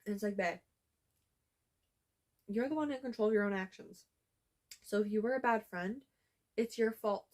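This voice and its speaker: A woman's voice: mid-range voice, normal speed, long pauses, darkish tone. A young woman in her teens reading her old journal aloud, candid and blunt, with sarcastic asides and casual swearing.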